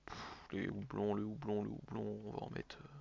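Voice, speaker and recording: A man's voice: on the low side, completely flat delivery, normal speed, gravelly, dark tone, highs cut off, slight background noise. A man streaming a strategy game, muttering calculations to himself between jokey asides. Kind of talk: casual let's-play commentary.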